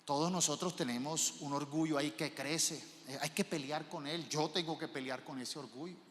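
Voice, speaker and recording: A male pastor preaching a sermon in a church, asking the congregation questions and swinging between soft and loud. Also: fairly high pitch, steady tone, normal speed, slight background noise. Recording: reverb of a large church hall.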